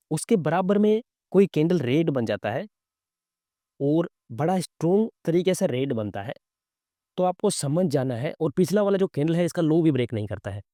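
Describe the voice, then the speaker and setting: In a soft, mellow voice that sits on the high side, a man hosting live trades teaches chart reading in relaxed, conversational commentary. The recording is close, dry and echo-free, his throat sounds a little sore, and he keeps slipping in quick check-in questions for his audience.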